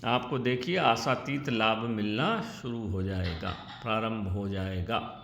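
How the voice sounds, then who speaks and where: A man's voice: lowish voice, slow, creaky, fairly bright tone. A middle-aged man, a spiritual teacher, giving earnest devotional instruction and chanting syllables and verses as he explains. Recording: echoey room with faint ambience.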